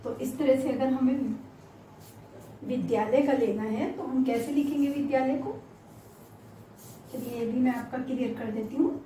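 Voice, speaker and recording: A woman teacher giving a grammar lesson, slowly spelling out words letter by letter. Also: high-pitched, fairly even intonation, mellow, a little hiss or hum. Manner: slow, spells out each letter one by one. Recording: echoey room, mic at a distance.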